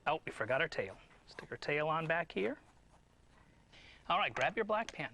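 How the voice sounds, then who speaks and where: A man leading a step-by-step drawing lesson in a gentle, encouraging way. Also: on the high side, sing-song, moderate pace, gravelly. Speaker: drawing teacher.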